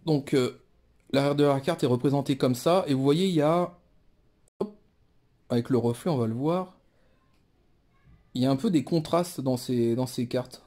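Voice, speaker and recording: A man's voice: medium pitch, normal speed, long pauses, mellow. A man casually presenting a tarot deck card by card, musing aloud with many fillers and restarts. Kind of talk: casual show-and-tell presentation.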